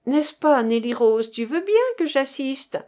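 A woman voicing a small, lively young Polish woman student with rolled R's. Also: sits high, a little slow, voice pushed up. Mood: eager.

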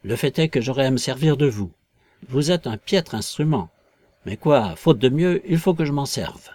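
A man voicing an invisible man in a storybook reading, loud, harsh and commanding toward a servant he despises. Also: mid-range voice, animated, moderate pace, dry recording, natural voice. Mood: contemptuous. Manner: commanding, threatening, contemptuous. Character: harsh, domineering invisible man, adult male.

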